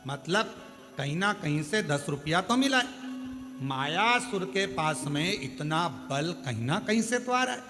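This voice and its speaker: A man's voice: a little high, big pitch swings, measured pace, in a large hall, music in the background. A man delivering a sermon, preaching in dramatic bursts with many rhetorical questions.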